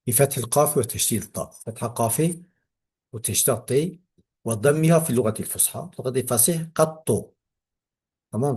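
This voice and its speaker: A man's voice: medium pitch, a little mellow, breathy edge. A man with a Kurdish accent teaching a classical grammar text, reading it aloud and then explaining it.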